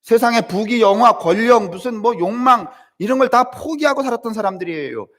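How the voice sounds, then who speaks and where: Pastor, male, church sermon; rhetorical questions, raised pitch, sharp jumps from loud emphasis to hushed asides. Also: expressive, a little fast. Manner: conversational preaching with rhetorical questions to the congregation; swings between loud high emphasis and low quiet asides.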